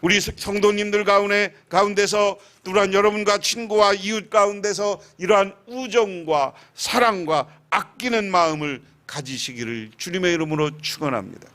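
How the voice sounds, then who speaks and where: High-voiced pastor preaching. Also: male voice, normal speed, hardly any pauses. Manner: animated storytelling with rhetorical questions to the congregation. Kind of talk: sermon.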